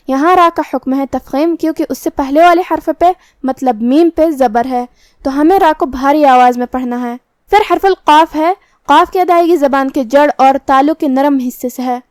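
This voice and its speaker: High-voiced woman teaching Quran recitation rules. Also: no echo, studio quality. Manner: methodical, explains each rule step by step. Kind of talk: tajweed lesson explaining rules.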